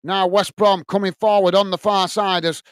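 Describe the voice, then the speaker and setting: Through earphones and a desk microphone, a man from Bolton in northern England calls a live football watch-along and reads chat in his Lancashire accent, calling viewers "mate" between "uh" fillers. His high-pitched voice is flat at a normal speed, with a clean tone, no room sound and clean studio sound.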